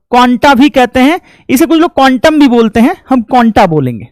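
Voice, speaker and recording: High-voiced man teaching physics. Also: no echo. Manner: repeats each point as a question and then answers it; homely, folksy explanations with sound effects. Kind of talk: classroom lecture.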